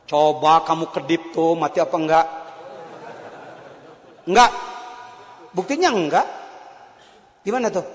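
A man preaching a sermon at a gathering, animated, moving between loud exclamations and soft asides. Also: sits high. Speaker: Islamic preacher. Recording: long hall reverb.

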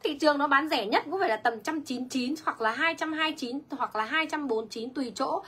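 A woman's voice: high-pitched, moderate pace, sharp tone. A young woman selling clothes on a livestream, chatty and reading viewer comments aloud. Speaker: online clothing seller. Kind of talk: livestream sales pitch.

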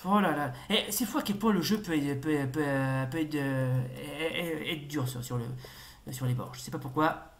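A young man commentating a retro game as he plays, excitable and stammering, with sudden swearing outbursts. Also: a little high, normal speed, slight background noise. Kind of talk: casual let's-play commentary.

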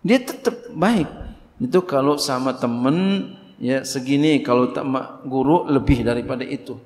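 A middle-aged man teaching a religious book study, talking animatedly, leaping in pitch and acting out bits of dialogue. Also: moderate pace. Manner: animated, acts out quoted dialogue, big pitch leaps. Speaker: Islamic teacher. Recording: long hall reverb.

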